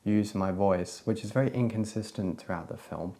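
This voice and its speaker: A man with a somewhat low voice chats casually as a co-host. He rambles along with plenty of fillers. He sounds relaxed and unscripted. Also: normal speed. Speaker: filmmaker and co-host. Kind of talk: casual chat.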